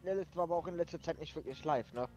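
Guy in a gaming call, kinda high voice, muffled lofi mic, just chatting. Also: rapid-fire, mellow, faint music behind. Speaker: guest on a gaming voice chat. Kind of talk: casual chat. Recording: dull lo-fi voice chat audio.

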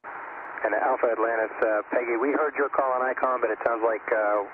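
A man's voice: medium pitch, steady tone, moderate pace. A man, an astronaut crew member, making brief, matter-of-fact procedural calls over a radio communicator link. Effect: radio communicator transmission. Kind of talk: space-to-ground radio comm calls. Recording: muffled radio downlink with static hiss.

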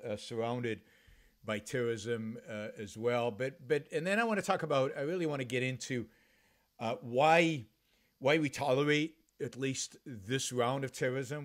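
A man in his fifties from Israel, hosting a solo talk-radio show from a home office, talking earnestly with many restarts and fillers into a studio mic. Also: medium pitch. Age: 50s. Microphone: studio mic with pop filter, headphones.

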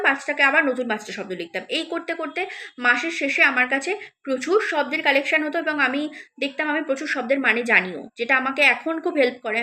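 Woman tutor, high voice, encouraging advice lesson, talks to viewers. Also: pushed and bright. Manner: encouraging, addresses viewers directly with many fillers. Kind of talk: spoken advice lesson to students.

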